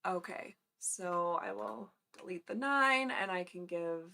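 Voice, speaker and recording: A woman's voice: mid-range voice, a little slow, creaky, sharp tone. A woman with a mid-range voice hosts a live call-in stream. She talks in an informal, chatty way and often thinks aloud as she goes. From Upper Peninsula of Michigan. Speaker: host of a live legal call-in show. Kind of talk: casual live-stream chat.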